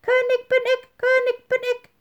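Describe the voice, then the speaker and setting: A woman's voice: very high-pitched, monotone, moderate pace, highs cut off, voice pushed up. A woman voicing a tiny, sly male wren who boasts in a fine, piercing voice. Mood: triumphant. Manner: crowing, triumphant.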